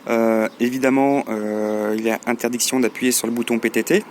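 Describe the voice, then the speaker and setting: A man explaining his radio hobby in a casual, hesitant vlog style, halting as he talks. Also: mid-range voice, fairly even intonation, a little mellow, slight background noise. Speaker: amateur radio hobbyist presenting.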